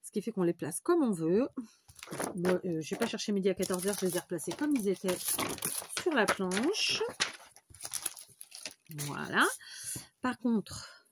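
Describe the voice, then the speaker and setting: A woman's voice: medium pitch, lively intonation, measured pace, pauses often, background noise. A woman hosting a casual crafting tutorial, chatty and thinking aloud as she works, sometimes talking to herself.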